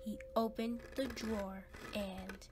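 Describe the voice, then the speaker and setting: Speaking in a steady, mid-range tone, a woman takes her time narrating a story for children. Background music and noise sit behind her expressive, suspense-building reading.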